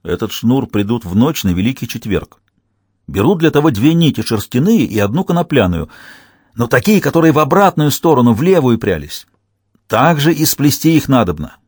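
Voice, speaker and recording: A man playing a stubborn, steady soldier, calm and plain-spoken, in his own mid-range voice with a lively lilt. Dry, close storybook reading. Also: medium pitch, moderate pace, breathy edge, no room sound, voice pushed up.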